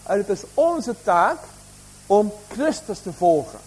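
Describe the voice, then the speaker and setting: A man's voice: sits high, very animated, slow, husky, poor audio. A man preaching a sermon, asking the congregation questions, with a slight cough.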